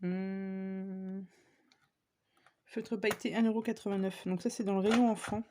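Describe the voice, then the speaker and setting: A woman's voice: medium pitch, flat delivery, measured pace, background noise. A woman chatting casually to viewers as she shows off craft supplies she bought, with lots of fillers and small asides. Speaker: scrapbooking vlogger. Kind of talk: casual shopping haul show-and-tell.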